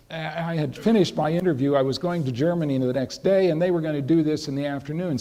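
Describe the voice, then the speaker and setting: An older lecturer spins a lengthy story for a lecture-hall audience, frequently restarting and slipping in dry humor. His voice sits a little high, mellow, with vocal fry.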